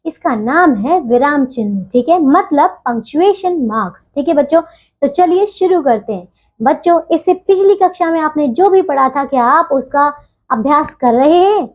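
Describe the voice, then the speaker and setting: Woman teacher for a children's grammar lesson; high, patient voice that keeps checking in with the class; recording a bit dull. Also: lively intonation. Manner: patient, keeps asking "theek hai bachchon?"; leaves deliberate pauses between phrases.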